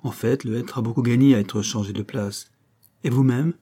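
A man reading a polite, evasive spinster lady of the house in an audiobook, lifting his voice into bright, chatty, formal talk. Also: mid-range voice, steady tone, normal speed, slightly rough, natural voice. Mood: gracious chatter.

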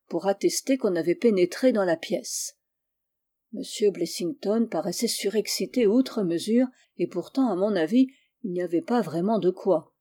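A woman reading a story aloud as narrator, in a steady, even storytelling manner. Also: on the low side. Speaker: audiobook reader. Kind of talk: scripted narration.

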